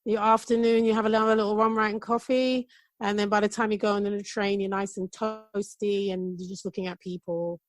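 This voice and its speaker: A middle-aged woman from England with a London accent touched by Jamaican patois, chatting excitedly and rambling as a podcast guest. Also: medium pitch, fairly quick, no echo. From United Kingdom. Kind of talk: casual chat.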